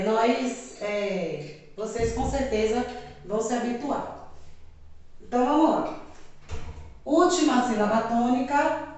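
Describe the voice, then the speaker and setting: A Brazilian woman teacher giving a video lesson to children, speaking slowly and carefully and repeating example words. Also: a little high. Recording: very echoey room, distant mic.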